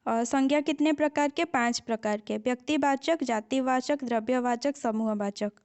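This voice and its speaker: A woman's voice: high-pitched, moderate pace, a little mellow. A woman teaching a grammar lesson for exam preparation, explaining patiently and repeating key points with frequent check-ins to her students.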